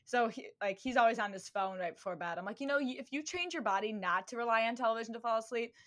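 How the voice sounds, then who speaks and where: A young woman hosting a podcast, chatting casually and telling lively stories with acted-out quotes. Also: fairly high pitch, quick pace. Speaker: podcast host. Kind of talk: casual chat.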